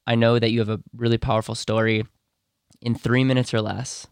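Male podcast host, smooth and clear, enthusiastic interviewer, dry studio mic. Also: medium pitch, little pitch movement, fairly quick, no echo. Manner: enthusiastic, frequent affirmations.

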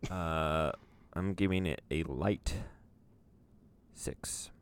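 A man's voice: very deep voice, extremely slow, a little hiss or hum. A man co-hosting a podcast, chatting casually about a film, hesitant and often restarting his sentences. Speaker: podcast co-host. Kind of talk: casual film review chat.

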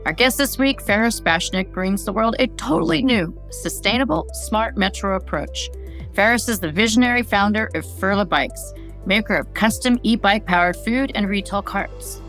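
A woman's voice: mid-range voice, animated, normal speed, a bit bright, faint music behind. A middle-aged woman hosting a podcast, reading a polished, upbeat intro and interviewing a guest. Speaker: podcast host.

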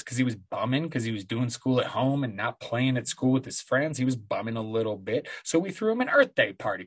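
Male podcast host, middle-aged, smoker's rasp, loose sweary stoner chat, dry close recording. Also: medium pitch, no echo. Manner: laid-back, sweary stoner talk. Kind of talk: casual rambling solo podcast talk.

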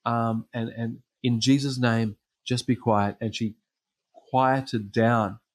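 A man preaching a sermon, telling personal stories in a halting way with frequent pauses and ums. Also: mid-range voice, flat delivery. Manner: hesitant storytelling with frequent ums.

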